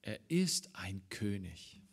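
Lively, slow-spoken German preacher man. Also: on the low side, gravelly, breathy edge. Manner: emphatic, swings between loud stresses and quiet asides. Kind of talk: sermon.

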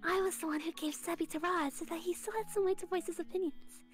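A woman voicing a gentle, polite young woman in a fan reading of a visual novel. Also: very high voice, fairly even intonation, fast talker, soft background music. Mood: courteous.

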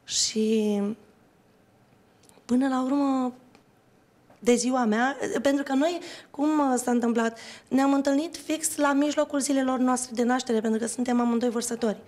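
Female singer guest, high-pitched, anecdotal and laughing in a TV studio chat. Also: fairly even intonation, darkish tone. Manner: laughing, storytelling. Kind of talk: casual interview chat.

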